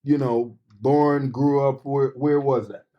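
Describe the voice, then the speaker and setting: A man's voice: medium pitch, fairly even intonation, slow. A man hosting a podcast interview, encouraging his guest with frequent short replies. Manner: supportive, frequent short backchannels. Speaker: podcast host. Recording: dull, muffled podcast audio.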